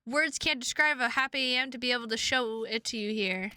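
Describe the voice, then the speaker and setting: Speaking a little fast with a sharp tone and fairly high pitch, this woman reads a visual novel aloud on stream and tosses goofy, playful remarks to her viewers. The close-miked recording carries slight hiss or hum, and music plays underneath.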